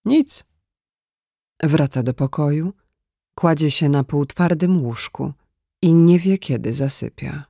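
A man narrating a literary short story in a calm, even storytelling manner. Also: a little high, a little slow, gravelly, no echo, studio quality.

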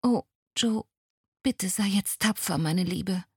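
Woman doing a soft, tender young woman. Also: medium pitch, slow, slightly rough, no room sound, studio quality, full character voice.

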